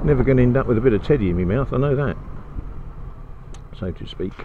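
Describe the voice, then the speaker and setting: British man inside a helmet, loud wind noise. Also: medium pitch, expressive, fast talker. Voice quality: muffled, enclosed sound from talking inside a helmet. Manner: chatty, colloquial. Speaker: motorcycle vlogger. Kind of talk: casual vlog chat while riding. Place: outdoors, riding a motorbike on country roads. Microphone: microphone inside the helmet. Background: wind and vehicle noise.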